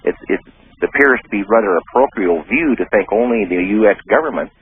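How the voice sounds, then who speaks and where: A man calling in to a radio show over the phone, asking a question in a measured, formal way. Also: on the low side, animated, a little hiss or hum. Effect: heard over the phone. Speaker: radio call-in caller. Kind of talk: call-in question to a guest. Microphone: telephone handset. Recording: tinny, narrow phone line on air.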